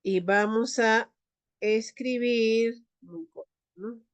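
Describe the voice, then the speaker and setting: A woman teaching an online class, leading slow pronunciation drills and calling on students. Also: a little high, steady tone. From Peru. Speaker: Quechua teacher.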